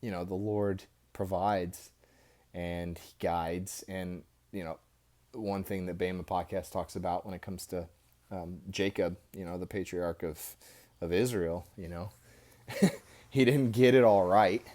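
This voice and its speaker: A man's voice: sits low, fairly even intonation, unhurried, a little mellow. An American man, a podcast host, talks casually and off the cuff to his phone, using his headphones as a mic, rambling informally with many small asides. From Indiana, United States. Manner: informal, rambling with frequent "you know" asides. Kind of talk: casual off-the-cuff monologue to camera. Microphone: headphones used as mic with a phone.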